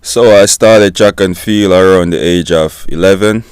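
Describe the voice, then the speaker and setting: A Jamaican man in his twenties, a student-athlete guest giving short, soft-spoken answers in a casual interview. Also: low-pitched, unhurried, smooth, no room sound, clean studio sound. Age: 20s.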